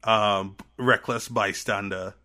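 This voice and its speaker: Podcast guest: a man with a bright, forceful Trinidadian accent tinged with American sounds, an animated storyteller. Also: fairly low pitch. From Trinidad and Tobago. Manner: animated storyteller, quick to laugh. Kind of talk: casual podcast chat.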